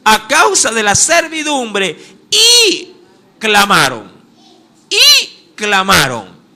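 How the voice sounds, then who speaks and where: A man's voice: high-pitched, wildly swooping pitch, drawn-out words, bright, forceful tone. A man with an Ecuadorian Spanish accent preaching a sermon emphatically, with repeated direct address to his listeners. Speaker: pastor.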